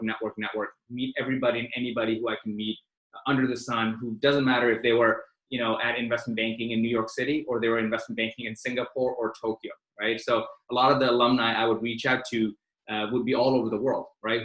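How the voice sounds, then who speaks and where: A Pakistani man hosts a career webinar for students, a casual, interactive online presentation where he talks informally and directly, uses plenty of fillers and calls listeners "you guys." His medium-pitched voice has a fairly bright tone, but the audio is poor, in an echoey room.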